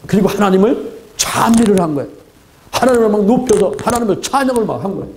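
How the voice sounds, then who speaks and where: A man's voice: mid-range voice, a little mellow. An older man preaching a sermon as a pastor, emphatic and repetitive, asking the congregation rhetorical questions. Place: church.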